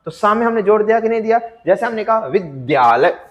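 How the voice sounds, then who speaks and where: Man, grammar teacher, high voice, quizzing students then answering, long reverberant room. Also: expressive. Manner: addresses students as friends, asks and answers own questions; stretches out example words slowly for stress. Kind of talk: exam-prep lecture.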